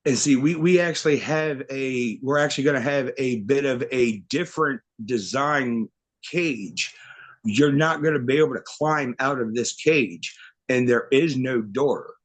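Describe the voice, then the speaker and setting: A man's voice: medium pitch, measured pace. A man who promotes wrestling shows, talking casually in an interview, brash and eager to hype his event. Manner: brash, hypes his event, announcer voice for the show details.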